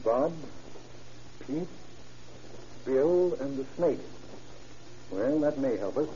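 Radio crime serial: American police chief, businesslike interrogator, deeply mellow tone, dull noisy vintage sound. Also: male voice, animated, slow pace. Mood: firm, official. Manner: authoritative, methodical questioning. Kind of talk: old-time radio crime drama acting. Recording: muffled, noisy old radio recording.

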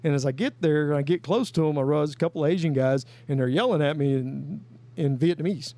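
A man's voice: a little high, a little fast, dark tone. A man, telling a long story in a folksy, rambling way as a guest. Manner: folksy, rambling, with many "I mean" and "you know". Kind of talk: casual storytelling.

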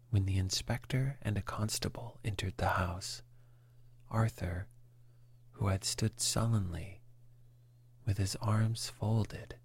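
A man reading a classic story aloud in a breathy, calm whisper. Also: deep voice. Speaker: reader.

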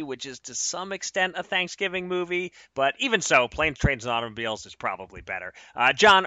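Man, podcast host, very forceful bright tone, mid pitch, casual delivery, dry close sound. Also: no echo.

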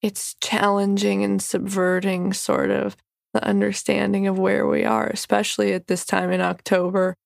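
A woman podcast co-host with a sick, rough voice, chatting casually and rambling in a laid-back, stoned way. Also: mid-range voice, flat delivery, normal speed, no room sound, studio quality. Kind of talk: casual chat.

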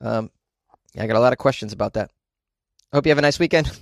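A Boston podcast host from the United States talks fast in a mid-range voice with vocal fry, recording from a small closet. The sound is clean, studio-like, with no echo, as he rambles casually with self-deprecating jokes and mild profanity.

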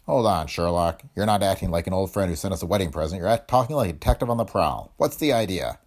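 A man voicing a sarcastic, hot-tempered young husband who stands up for his wife, with a gravelly, husky voice. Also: low voice, expressive, fast talker, a little mellow. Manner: sarcastic, combative.

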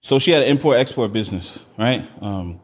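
A young adult man from Miami, a podcast guest telling his backstory in relaxed conversation, often tagging his sentences with "right?". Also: medium pitch, a little fast. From Miami, Florida. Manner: laid-back, peppers speech with "right?". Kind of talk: casual conversation.

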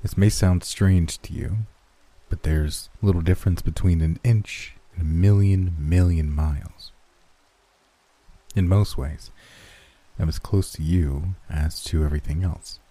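A calm, unhurried presence with no body, speaking from a low and very dark voice, ancient and lonely, as a male narrator puts it on. It carries a storybook eeriness without raising its tone. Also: slightly rough.

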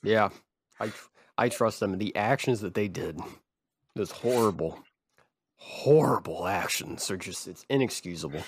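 A man hosting a podcast, rambling and halting in mock-serious grief. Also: fairly low pitch, breathy edge, no room sound. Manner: rambling, halting, feigned grief breaking into laughter. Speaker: podcast host.

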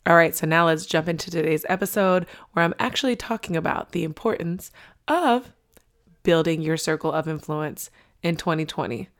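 A woman hosts a motivational podcast while hoarse from losing her voice, yet she stays energetic and preachy, repeating key lines for emphasis. Her voice sits low, and she speaks at a moderate pace.

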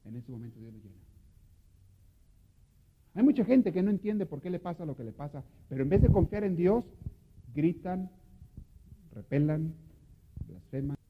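Male priest, higher voice, sermon swinging between hushed and impassioned; dull, reverberant church recording. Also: lively intonation, normal speed, long pauses, slightly rough. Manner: swings from hushed murmurs to loud impassioned pleading. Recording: dull lo-fi audio with long hall reverb.

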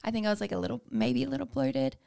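A woman's voice: a little high, very animated, fast, gravelly, mellow. A young woman co-hosting a podcast, candidly telling personal stories in casual chat. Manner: candid, personal storytelling with fillers. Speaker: podcast co-host.

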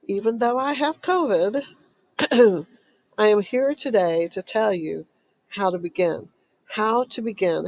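A woman speaks as a recovery coach, addressing her listeners in a motivational style. Her delivery is unhurried and deliberate, with pauses. She sounds stuffed up, and the sound is dry with no room echo. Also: mid-range voice, a little mellow. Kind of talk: motivational self-help talk to listeners.

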